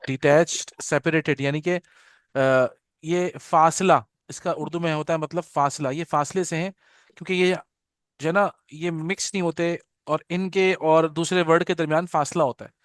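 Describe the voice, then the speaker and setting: A man teaching an Arabic grammar class. He repeats each term slowly and keeps checking that his students follow. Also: a little high, steady tone, dry recording, clean studio sound. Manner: patient, repeats terms slowly with frequent "theek hai na" check-ins; leads students in call-and-response repetition. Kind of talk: live grammar lesson.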